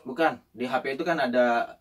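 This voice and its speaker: A young man telling an animated story in casual chat and acting out the voices of the people in it. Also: medium pitch, a little fast, distant mic.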